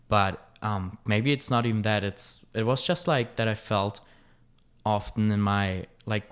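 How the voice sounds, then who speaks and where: A young man from Germany, who directs a student club, chats hesitantly on a podcast as a guest with many fillers. His voice is smooth and on the low side.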